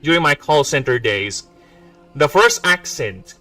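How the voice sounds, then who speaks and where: A man from the Philippines chats casually on a livestream, joking and wandering off on asides in a mixed English accent. His voice is bright and sits a bit high. He sounds set back from the mic, with faint music playing underneath. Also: lively intonation, a little slow, distant mic. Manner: joking, rambling, self-mocking asides. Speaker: indie game developer streaming. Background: faint background music.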